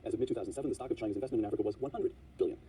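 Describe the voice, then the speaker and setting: A man hosts an interview at a brisk pace, probing his guest and reading quotations aloud. His voice is dark and fairly low. He sits back from the mic, with a faint hiss in the recording. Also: far from the mic. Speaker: interview host. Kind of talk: interview questions.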